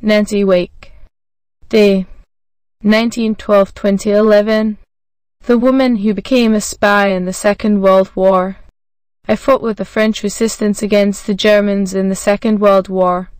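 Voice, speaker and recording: Smooth, dry-voiced woman narrator. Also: medium pitch, no room sound. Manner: even, measured reading that voices every symbol literally. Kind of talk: scripted narration of a graded reader.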